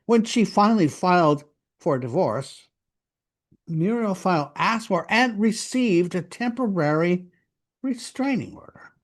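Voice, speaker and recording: Slow, wry true-crime narrator, a man. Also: sits high, lively intonation. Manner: wry, conversational asides to the listener.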